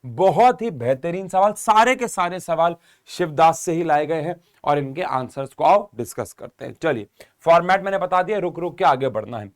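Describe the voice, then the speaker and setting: A man's voice: on the high side, animated, moderate pace. A young man teaching an exam-prep chemistry lesson, explaining step by step and speaking straight to his students.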